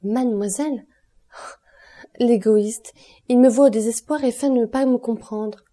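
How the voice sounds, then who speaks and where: Dutiful young heroine voiced by a woman reader, distressed and pleading, warm mellow voice. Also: mid-range voice, normal speed, close to an everyday voice. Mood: anguished. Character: young noblewoman, anguished, dutiful, tearful. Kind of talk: audiobook character reading.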